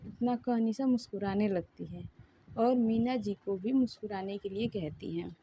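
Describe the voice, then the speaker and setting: A woman narrates a story in a gentle, emotional way. Her voice is mellow and warm, with middling pitch. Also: normal speed, slight background noise.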